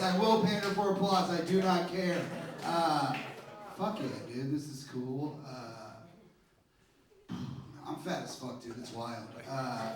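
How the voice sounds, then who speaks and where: Dude headlining standup, high voice, talks real slow, crude and chill, echoey club. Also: male voice. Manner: laid-back, crude, says "dude" and "hell yeah". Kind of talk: stand-up comedy set. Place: comedy club stage. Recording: echoey club, distant mic, loud noise. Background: audience laughter.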